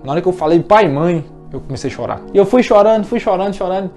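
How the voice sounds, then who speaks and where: Earnest Brazilian man, testimony, soft music. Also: high-pitched, lively intonation, racing. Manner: earnest, emotional storytelling with repeated words. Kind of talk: personal testimony talk.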